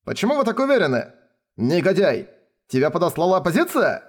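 A man's voice: wildly swooping pitch, brisk, full character voice. A man voicing a group of alarmed male nobles crying out in raised, indignant voices. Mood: outraged. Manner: shrill, indignant outcry.

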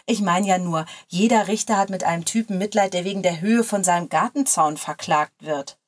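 A woman's voice: brisk, lightly acted. Woman doing a teasing young male lawyer. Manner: lower, softer, relaxed murmur.

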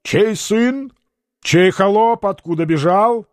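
A man's voice: sits high, takes it slowly, no echo, studio quality, voice pushed up. A man doing an evasive greedy governor. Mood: barking. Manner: evasive, fussy.

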